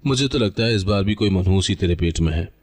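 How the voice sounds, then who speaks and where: A man's voice: low-pitched, quick pace. A man voicing a harsh, scheming older mother-in-law who taunts and scolds. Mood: scornful.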